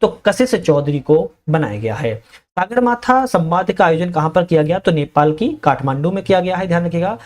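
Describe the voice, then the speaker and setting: A man teaching a current-affairs quiz lesson for exam preparation. He reads each question aloud, answers it at a measured pace, and corrects his own slips mid-sentence. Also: a little high, animated.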